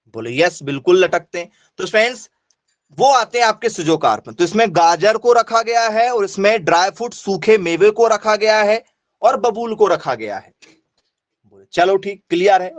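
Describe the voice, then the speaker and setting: A man's voice: high voice, dry recording. A male teacher giving an online exam-prep lesson, addressing students directly, repeating points and answering his own questions.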